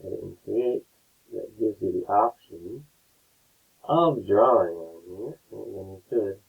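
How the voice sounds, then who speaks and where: Man, art teacher, painting demo, husky voice, tinny low-quality stream audio. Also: a little slow. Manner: relaxed, explains step by step, keeps checking in with "right?". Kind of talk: painting demonstration lesson. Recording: tinny lo-fi phone-like sound.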